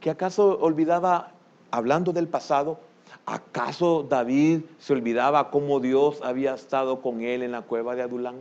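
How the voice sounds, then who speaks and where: An older man preaching a sermon as pastor, with a Salvadoran Spanish accent, who bursts into loud exclamations and then drops to a low murmur. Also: steady tone, normal speed, lo-fi sound.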